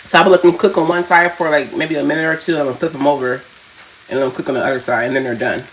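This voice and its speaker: A woman's voice: deep voice, fairly even intonation, very fast, slight background noise. A woman vlogging in a loose, informal way, talking straight to her viewers from her home kitchen. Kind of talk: casual how-to vlog chat.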